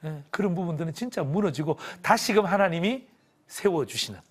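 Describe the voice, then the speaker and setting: A middle-aged male pastor teaching a televised Bible class. He talks in an animated way, acts out scenes and leads the audience in call-and-response. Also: on the high side, brisk. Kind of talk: lively televised Bible lesson.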